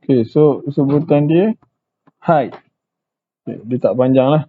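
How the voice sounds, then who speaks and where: A man with a Malaysian accent teaching Japanese pronunciation in a casual online lesson, repeating words slowly and carefully and saying "okey" a lot. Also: medium pitch, no room sound. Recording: tinny phone-like lo-fi sound.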